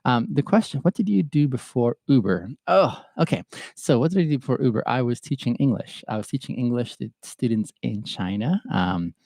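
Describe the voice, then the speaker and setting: Gravelly, mellow-voiced man hosting reflectively. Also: mid-range voice, animated, no echo. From Ethiopia. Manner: thoughtful and halting, with pauses and fillers. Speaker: podcast host answering viewer questions. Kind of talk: reflective solo livestream talk.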